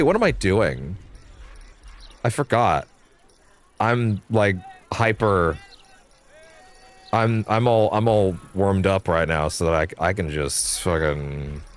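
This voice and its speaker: Low-voiced casual male game streamer. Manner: informal, sweary, thinking aloud. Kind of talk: casual live gameplay commentary. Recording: game music behind voice. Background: game music.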